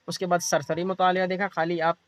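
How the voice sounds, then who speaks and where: A man's voice: high-pitched, level tone, clean tone. Quizzing man teaching. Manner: explains by asking and answering his own questions. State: feeling unwell. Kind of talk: online exam-prep lecture.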